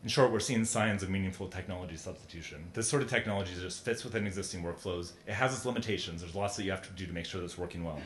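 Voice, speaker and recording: A middle-aged man delivers a conference keynote in a large hall, talking conversationally and tripping over fillers and restarts. His voice sits low, and the room lends a roomy echo over a faint rumble underneath. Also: quick pace, few pauses, a bit bright. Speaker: keynote speaker.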